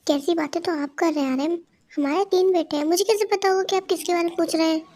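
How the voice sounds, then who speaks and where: High-voiced woman reading a fan story. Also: steady tone, darkish tone. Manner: switches quickly between character voices, lots of hums. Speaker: fan story narrator voicing all characters. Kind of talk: amateur audio drama reading.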